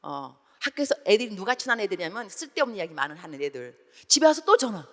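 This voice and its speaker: 재미교포 여성 선교사가 큰 예배당에서 설교한다. 억양이 크게 오르내리며 활기차게 이야기를 이어가고, 인물들의 대사를 직접 연기해 들려준다. 소리가 넓은 공간에 길게 울린다. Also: female voice, medium pitch, fast talker. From United States. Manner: animated storytelling, acts out dialogue. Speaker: missionary preacher. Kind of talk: sermon. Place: large church sanctuary. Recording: long church hall reverb.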